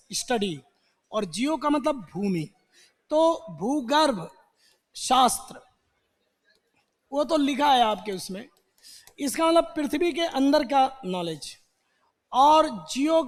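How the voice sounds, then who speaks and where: Guy teaching a class, pretty high voice, slow and deliberate, keeps quizzing the room, long echo like a big hall. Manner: quizzes students with repeated questions. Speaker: English teacher. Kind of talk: classroom vocabulary lecture.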